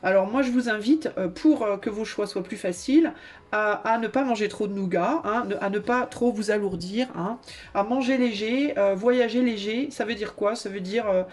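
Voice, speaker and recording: A woman's voice: mid-range voice, normal speed, a little mellow. Woman doing a tarot reading, chatty, loads of euhs, playful. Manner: chatty, filler-heavy, playful. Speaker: tarot reader. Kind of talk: casual channeled card reading.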